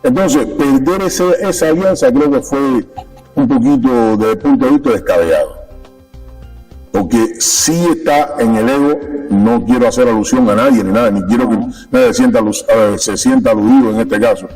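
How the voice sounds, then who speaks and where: A man's voice: mid-range voice, normal speed, darkish tone, distant mic, faint music behind, low-quality recording. A Cuban-born man speaking as a sports official guest in a conversational interview, emphatic and repeating his key points. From Cuba.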